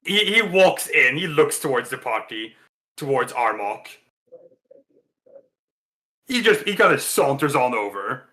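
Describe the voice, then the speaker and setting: A man's voice: medium pitch, sing-song, a little slow, pauses often, pushed and bright. A man narrating a tabletop game as game master, rambling with lots of restarts. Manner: rambling, full of fillers and restarts, laughs often.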